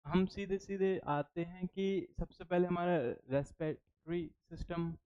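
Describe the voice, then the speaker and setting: An English teacher with an Indian English accent and a slightly high, dark, clean voice gives an exam-prep phonetics lecture on a dull lo-fi recording. He switches between Hindi and English and repeats words to drill them.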